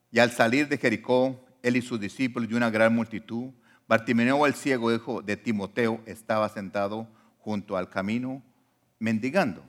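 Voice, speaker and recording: A man preaching a sermon as pastor. He swings from quiet asides to loud emphasis and keeps asking the congregation questions. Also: medium pitch. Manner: conversational, asks the congregation questions.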